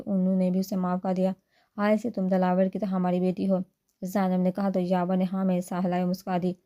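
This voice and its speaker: Mellow woman narrating a romance novel. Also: medium pitch.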